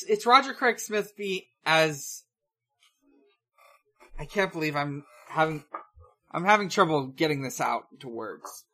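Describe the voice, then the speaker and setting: A podcast co-host recapping episodes in casual chat, with a bright, forward voice. They speak slowly and haltingly, full of pauses and restarts. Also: medium pitch.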